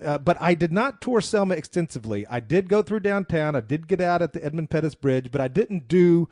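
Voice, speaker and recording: A man in his middle years spins a long story on his radio show, full of "uh"s and false starts. His voice sits a little high for a man. The sound is dry and close, with no room around it. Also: animated, a little fast, darkish tone, no room sound. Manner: rambling anecdotes with many fillers and restarts. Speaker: radio talk show host. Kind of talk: casual radio talk, storytelling.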